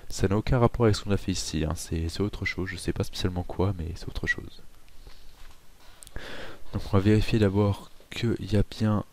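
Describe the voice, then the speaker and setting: A man hosting a casual software tutorial, chatty with self-mocking asides and frequent hesitations. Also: deep voice, normal speed, slight background noise. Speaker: tutorial host.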